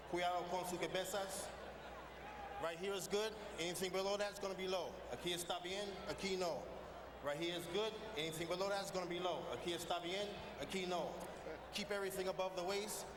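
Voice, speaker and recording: A man refereeing boxing, giving brisk, commanding instructions in short repeated phrases, switching between two languages. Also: high voice. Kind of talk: bilingual pre-fight instructions. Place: boxing ring in large arena. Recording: echoey noisy arena, long reverb.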